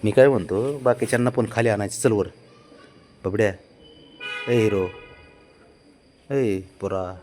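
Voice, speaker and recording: Slow-talking man coaxing his cat. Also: lowish voice, fairly even intonation. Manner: coaxing, pleading, gently scolding. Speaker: pet owner. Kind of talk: casual talk to a pet.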